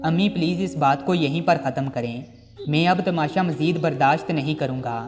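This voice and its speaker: A man's voice: fairly high pitch, normal speed, close to an everyday voice. An earnest, protective young husband, as a male storyteller reads him. His pleading words carry a long reverb, with music running underneath.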